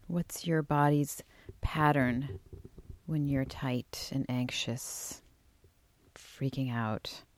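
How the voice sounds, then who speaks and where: A woman yoga teacher guiding a relaxation meditation, soft and soothing, often trailing into a breathy near-whisper, with drawn-out phrases. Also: deep voice, dry recording. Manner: unhurried, with drawn-out phrases and pauses.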